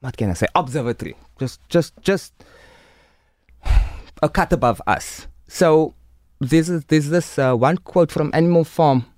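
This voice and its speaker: A man's voice: on the high side, measured pace, darkish tone, no echo, studio quality. A man with a Cape Town Coloured South African accent, talking with conviction in conversation and explaining through examples and analogies. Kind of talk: impassioned conversation.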